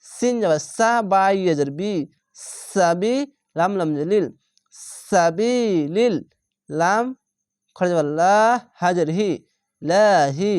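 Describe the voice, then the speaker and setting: Speaking slowly and pausing often, a man with a high, darkish, clean voice spells out Arabic letters and syllables one by one for Quran learners. His manner is patient and methodical, with repeated syllables and elongated long vowels. The studio sound is clean with no echo.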